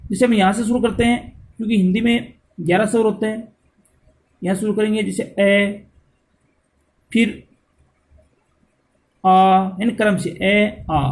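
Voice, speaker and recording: A man teaching a grammar lesson, slowly repeating terms and counting out items one by one. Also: high-pitched, a little mellow.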